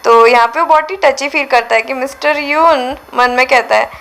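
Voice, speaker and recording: A woman's voice: on the high side, brisk, fairly bright tone. A woman casually retelling a comic scene by scene, reading out each character's lines in much the same plain voice. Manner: retells scenes with "तो फिर वो कहता है", voicing lines with little change. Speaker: manhwa narrator.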